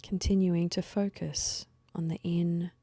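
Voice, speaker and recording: Speaking in a level tone at a fairly low pitch, a woman leads a guided meditation. She offers slow, calming instructions with pauses, her voice gentle and now and then breathy, with no echo in the sound.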